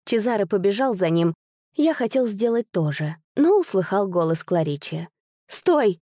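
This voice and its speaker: A woman reading a literary story aloud in a measured, expressive audiobook narration. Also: mid-range voice, no echo, clean studio sound.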